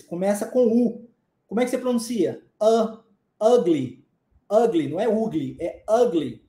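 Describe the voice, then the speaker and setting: A man's voice: sits high, dark tone. Emphatic Brazilian male teacher, roomy sound. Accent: Brazilian Portuguese. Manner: emphatic, explaining with frequent checks like "tá?" and "percebe?". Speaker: English teacher. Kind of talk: online language lesson.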